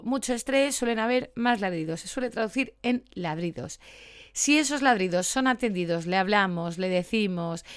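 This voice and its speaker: A woman dog trainer explaining dog behavior in a casual, lively way, now and then acting out short quoted lines. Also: medium pitch, smooth, no echo, studio quality. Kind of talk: casual educational talk.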